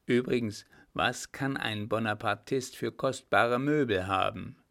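A confident young officer stands his ground, his voice firm and a little raised, as a male narrator puts him on. There is a gravelly rasp under the words. His speech has an assured, commanding ring to it. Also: mid-range voice, a little slow. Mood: cool. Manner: firm, confident, somewhat louder delivery. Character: bold young German officer, calm and commanding.

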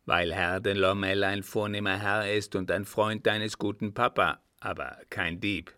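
A man's voice: lowish voice, steady tone, a little slow, no echo, clean studio sound. A man reading aloud and voicing a worried, cautious old coachman and servant. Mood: alarmed. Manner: anxious, hushed, cautious.

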